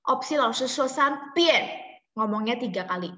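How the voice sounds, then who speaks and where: Woman teacher on a video call, high bright voice, patient, repeats examples, roomy echo. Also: lively intonation. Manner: explains slowly, repeats examples, checks understanding. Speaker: Mandarin teacher. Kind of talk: online class lesson. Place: home room on a video call. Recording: echoey room with long reverb.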